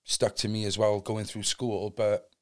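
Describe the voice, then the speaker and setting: A man's voice: lowish voice, little pitch movement, unhurried. A man in his thirties with a Cardiff accent, an interview guest telling his life story in an open, earnest, rambling way. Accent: Welsh (Cardiff). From Cardiff, Wales. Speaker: podcast guest. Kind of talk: candid personal storytelling.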